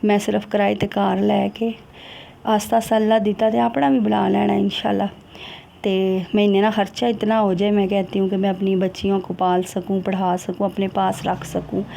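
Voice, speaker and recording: A woman's voice: mid-range voice, vocal fry, dark tone. Woman, middle-aged, confiding vlog talk, faint room noise behind. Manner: emotional, confiding, switches between Urdu and Punjabi. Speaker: vlogger. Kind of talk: personal vlog talk to viewers.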